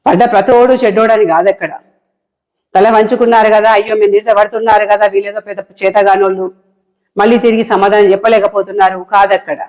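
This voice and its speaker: A woman's voice: medium pitch, a little mellow, poor audio. A married woman with a Telangana Telugu accent, delivering a heated, impassioned monologue as an online political commentator, hammering points with repetition. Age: adult, married.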